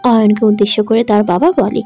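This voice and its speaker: A woman's voice: medium pitch, flat delivery, fairly quick, mellow, slightly rough, soft background music. A woman narrating a romantic audio drama in an emotive, dramatic manner. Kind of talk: scripted story narration.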